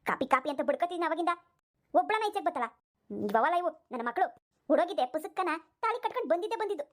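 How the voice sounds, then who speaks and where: A woman's voice: very high-pitched, sing-song, quick pace. A woman voicing a bossy old mother-in-law who nags and complains in a cartoon. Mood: grumbling. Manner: nagging, complaining loudly. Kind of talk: cartoon voice acting.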